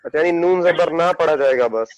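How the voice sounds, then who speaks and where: A man's voice: fairly high pitch, darkish tone, no echo, dull audio. A male student in an online class, asking brief, direct questions.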